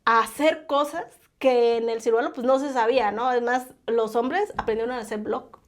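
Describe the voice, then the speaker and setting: A woman's voice: fairly high pitch, steady tone, moderate pace. Woman, earnest, filler-heavy, tag questions, podcast guest. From Oaxaca coast, Mexico. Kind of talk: casual interview conversation.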